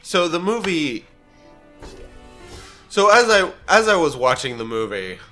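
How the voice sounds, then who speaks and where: A man co-hosting a game session in casual chat, often restarting his phrases haltingly. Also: on the high side, sing-song, bright, forceful tone, soft background music. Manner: halting, repeats phrase openings. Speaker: let's play co-host watching and commenting.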